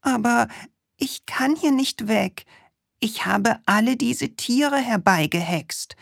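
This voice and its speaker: A woman's voice: on the high side, animated, takes it slowly, creaky, no room sound, clean studio sound, pitched above the performer's own voice, full character voice. A woman voicing a fretful, helpless storybook witch who frets and stammers. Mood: worried. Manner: worried and stammering.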